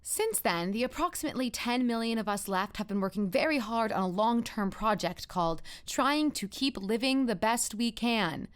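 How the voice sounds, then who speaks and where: A woman's voice: on the high side, lively intonation, normal speed, hardly any pauses, smooth, natural voice. A woman playing a chatty, self-deprecating radio host of the apocalypse in a scripted comedy, with a wry, awkwardly upbeat manner. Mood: upbeat deadpan.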